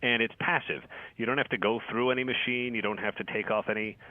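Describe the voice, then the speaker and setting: A male news correspondent explaining a story in a radio interview, halting and restarting often. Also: medium pitch, steady tone. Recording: phone-line audio.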